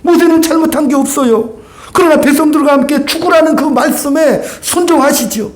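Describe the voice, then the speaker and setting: A man's voice: extremely high pitch, brisk, a little hiss or hum. A male pastor preaching a sermon, acting out dialogue and asking the congregation questions. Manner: animated, acts out dialogue, asks the congregation questions. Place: church sanctuary.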